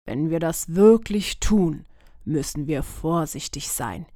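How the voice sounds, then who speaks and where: Woman voicing a cautious male dragon, lower voice, slow, hushed, storybook. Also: lively intonation, no echo, studio quality, heavily acted. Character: small cautious male dragon, gentle and worried.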